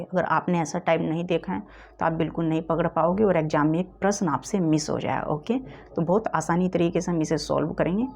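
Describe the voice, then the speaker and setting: Gravelly-voiced man teaching step by step. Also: a little high, warm tone. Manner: explains step by step, keeps asking "ठीक है?". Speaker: reasoning teacher. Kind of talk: exam-prep math lesson. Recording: slightly dull, faint background hiss.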